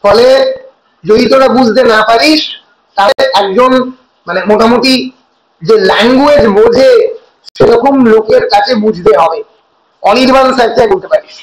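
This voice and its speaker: A man's voice: extremely high pitch, normal speed. A male college teacher with a Bengali accent, explaining step by step and asking his students questions as he goes. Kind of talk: lecture in Bengali mixed with English. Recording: echoey room.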